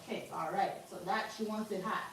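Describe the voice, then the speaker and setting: A woman's voice: mid-range voice, brisk. A woman hair care instructor teaching a live hands-on demonstration at a salon wash sink, chatty and coaching. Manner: coaching, chatty, turns loud and upbeat when excited. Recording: very echoey room, distant mic, faint noise.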